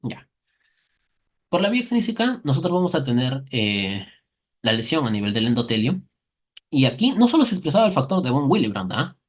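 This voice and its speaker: A male medical lecturer in a mid-range voice, explaining step by step to his students. He keeps posing quick questions and answering them himself, and livens the material with friendly, playful comparisons. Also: mid-range voice, sing-song. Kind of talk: recorded class explanation.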